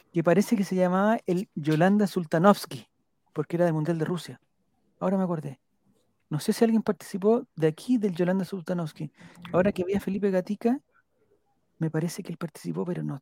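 This casual Chilean-accented host has a medium-pitched, mellow voice with some vocal fry. He reads comments from viewers, slowly repeats their names while jotting them down, and rambles along in a playful, joking way, all captured in a dry, close recording without room sound.

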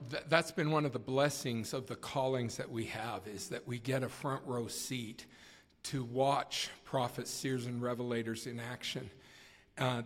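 Male panel guest, mid-pitched storyteller, animated, reverberant hall sound. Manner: lively, acts out quoted voices. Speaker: church leader and panel guest. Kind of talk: warm anecdotal storytelling. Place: conference hall. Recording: long reverb of a large hall.

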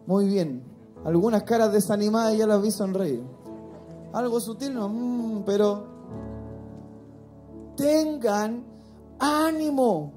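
A woman's voice: mid-range voice, slow, long pauses, mellow, soft background music. A woman preaching in a church, calling on the congregation to respond. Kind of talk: sermon.

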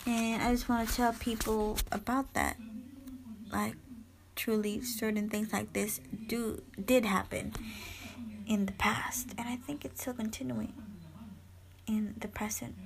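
A woman's voice: on the high side, flat delivery, slow pace, gravelly, pauses often, crowd noise. A young woman, a college student, talking casually in a podcast, rambling with many fillers and the odd swear word, without a proper microphone. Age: young adult. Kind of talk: casual whispered podcast talk.

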